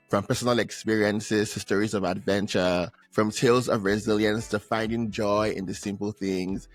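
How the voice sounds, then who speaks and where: A man hosting a podcast, chatting in a casual, enthusiastic way with plenty of ums. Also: fairly low pitch. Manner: upbeat, enthusiastic, many ums. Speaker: podcast host. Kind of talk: casual interview chat.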